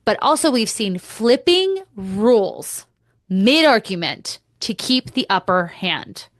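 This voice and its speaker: A woman's voice: mid-range voice, sing-song, takes it slowly, no echo. A woman hosting a podcast, giving blunt, opinionated commentary with casual swearing, close to the mic. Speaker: podcast host.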